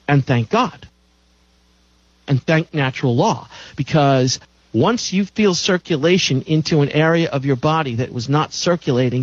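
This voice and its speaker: A man's voice: fairly high pitch, a little mellow, no echo, muffled recording. A man hosting a call-in radio show, lecturing in an emphatic way and repeating phrases for stress.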